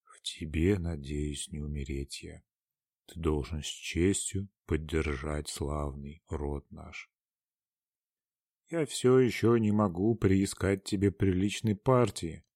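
A man's voice: extremely low pitch, slow, no room sound, studio quality, exaggerated voice. A man doing a furious old grandee. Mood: solemn. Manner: shouting, furious, trembling declamation. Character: proud fiery old male grandee, obsessed with lineage.

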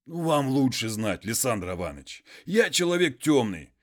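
Peasant role for a male narrator: illiterate, folksy, pleading, pitched well above his own voice, loud. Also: very animated. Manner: folksy, drawn-out pleading speech.

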